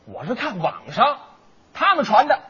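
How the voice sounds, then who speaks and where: A man's voice: extremely high pitch, wildly swooping pitch, moderate pace, bright, forceful tone, breathy edge. A man performing stage crosstalk comedy, teasing his partner with mock concern and put-on sobbing. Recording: dull stage recording.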